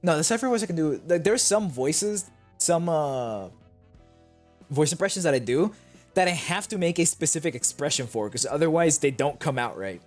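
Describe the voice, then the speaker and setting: A man's voice: a little high, animated, normal speed, soft background music. A man streaming a video game, chatting casually and swearing while he reads and voices the dialogue. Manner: swears casually, laughs, reads lines aloud in character.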